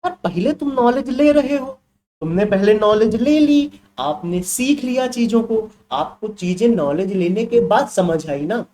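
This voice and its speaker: A young male teacher leads an online exam revision class with a fairly high voice. He teases his students, keeps asking whether they understand, and slips English terms into his explanations. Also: unhurried. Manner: lively, teasing, mixes Hindi with English terms, asks students questions. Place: indoors with a laptop.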